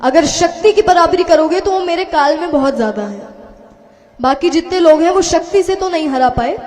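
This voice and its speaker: A woman storyteller voicing a scheming tyrant king who gives slow, measured orders. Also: very high-pitched, lively intonation, darkish tone, big-room sound, faint music behind.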